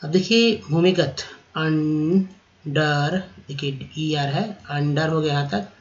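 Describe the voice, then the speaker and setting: A man's voice: a little high, highs cut off. A man teaching English vocabulary, spelling words out letter by letter and explaining pronunciation patiently. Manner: spells words letter by letter, repeats them slowly; explains pronunciation rules patiently, asks and answers own questions. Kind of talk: slow spelling-out lesson.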